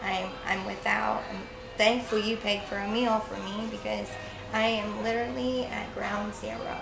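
A woman in her twenties, a street interview guest, speaks in a mid-range voice with little pitch movement, at a moderate pace and with vocal fry. Sitting indoors in a fast-food restaurant's seating area, she tells her own story candidly, rambling, emotional and swearing freely. The space is echoey and music plays in the background.

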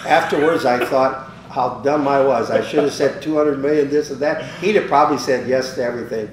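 An older man in casual storytelling mode, rambling through an anecdote and acting out the dialogue he recalls. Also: fairly quick. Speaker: interviewee, business owner. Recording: roomy, distant mic with faint rumble.

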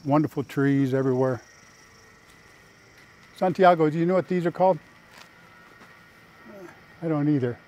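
An older man hosts a casual walking tour in a park, speaking in a folksy, plain-spoken way as a vlog host and tour guide on a lapel mic. His voice is on the high side and mellow, with a moderate pace and frequent pauses. The highs are cut off.

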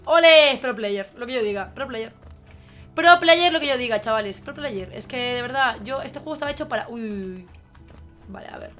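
Young adult woman, Spain Spanish accent, game streamer: excitable, swears a lot, bright and slightly high, light music under. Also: brisk. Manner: excitable, exclamatory, swears often. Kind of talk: live gameplay commentary. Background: faint game music.

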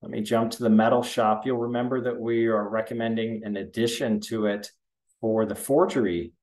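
A man's voice: on the low side, fairly even intonation, normal speed, darkish tone. A middle-aged man, a school superintendent, walking through a board meeting agenda over a screen share in an informal, explanatory way, with frequent ums and restarts. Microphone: computer webcam mic.

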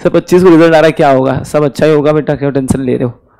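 A man's voice: a little high, steady tone, rapid-fire, creaky, darkish tone, low-quality recording. A man in his thirties with an Indian accent, a commerce exam tutor giving a casual live online lecture, chatty and teasing, with a mild fever. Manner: chatty, teasing, mixes Hindi and English. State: mild fever, recovering throat.

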